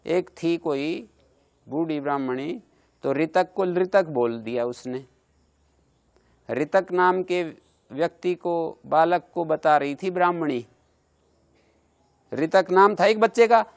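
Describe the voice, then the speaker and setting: A male teacher gives a classroom lecture in a high voice with a gravelly edge. He talks slowly and lays out each point in turn. He keeps asking his listeners questions to check they are following. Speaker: Sanskrit grammar teacher.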